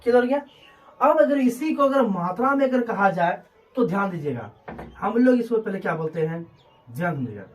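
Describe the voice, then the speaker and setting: Heard from a distance, a high-pitched and very animated man teaches a class about Hindi vowels. He repeats each sound, draws his words out, and keeps checking in with his students.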